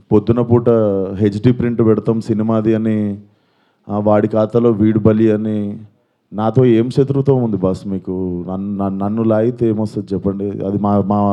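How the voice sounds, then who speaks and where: Actor in his 20s at a press meet, rapid, mellow voice, earnest and pleading. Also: mid-range voice. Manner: earnest, pleading, repeats himself. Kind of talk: press conference statement.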